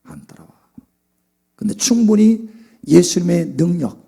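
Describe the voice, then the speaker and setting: A man preaching a sermon as pastor, animated and acting out Bible scenes, often checking in with the congregation. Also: sits high, a little slow, gravelly, breathy edge.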